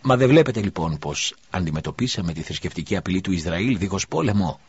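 A man doing a demanding city governor, husky voice. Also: low-pitched, big pitch swings, highs cut off, heavily acted. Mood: exasperated. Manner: raised, demanding questions. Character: weary male city governor, commanding.

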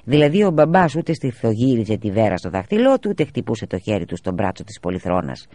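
A man reading a children's story aloud in a measured way. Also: lowish voice, sing-song, warm tone, no echo.

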